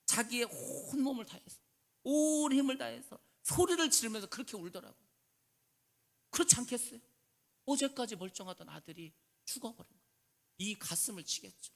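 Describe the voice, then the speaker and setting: A male pastor preaching a sermon with passion, dropping to hushed storytelling and rising to loud calls. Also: extremely high pitch, expressive, normal speed, vocal fry, pauses often.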